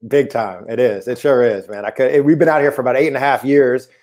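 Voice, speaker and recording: A man's voice: mid-range voice, fairly even intonation, fast talker, darkish tone. Laid-back man on a video call. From Seattle area, USA. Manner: laid-back, laughs easily, says man a lot. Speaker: guest, basketball coach. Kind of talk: casual chat, storytelling. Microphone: remote video call.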